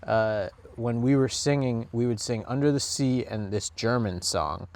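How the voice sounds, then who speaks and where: A man's voice: mid-range voice, unhurried, darkish tone. Joking young man telling stories. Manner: joking, storytelling, laughs often. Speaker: podcast co-host. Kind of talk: casual chat.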